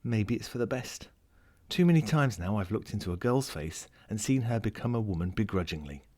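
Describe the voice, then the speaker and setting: Voicing a wry, world-weary ring lost at sea in a first-person story, a man uses a lowish, dark-toned voice that is animated and brisk. The reading is dramatic and melancholic, and the lonely sentient ring comes across as resigned and reflective.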